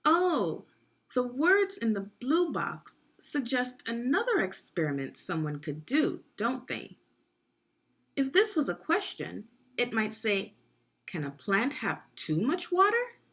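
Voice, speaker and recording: Leading a children's read-along, this woman with a faintly husky voice works through a science book for young learners. She speaks at a relaxed pace, pitch moving in lively swings, pausing to explain and to prompt her audience with questions.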